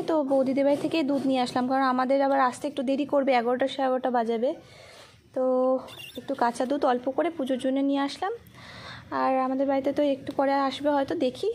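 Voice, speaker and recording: Young woman vlogger, high and soft-spoken, casual daily chat, faint background noise. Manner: soft-spoken, chatty, talks to her child in a sing-song voice. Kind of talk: casual daily-life vlog narration.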